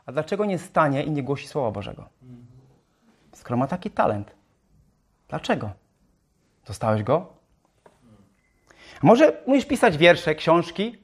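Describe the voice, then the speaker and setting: Animated, talkative male preacher. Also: on the high side, a little slow, long pauses, slightly rough. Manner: rhetorical questions to the congregation; self-described talker. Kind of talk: sermon.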